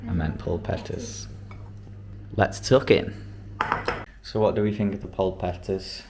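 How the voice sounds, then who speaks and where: A man's voice: sits low, fairly even intonation, moderate pace, background noise. A man hosting a casual home vlog, chatting upbeat about coffee and his meals in the kitchen. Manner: chatty, upbeat commentary on food and training. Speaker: vlog host.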